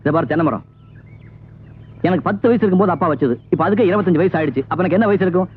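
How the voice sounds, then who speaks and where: An actor playing a debt-laden village landowner and older brother, talking quickly and sardonically, quick to anger with his sisters. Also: high voice, a little hiss or hum, lightly acted. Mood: defensive. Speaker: film actor. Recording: tinny lo-fi film soundtrack with music.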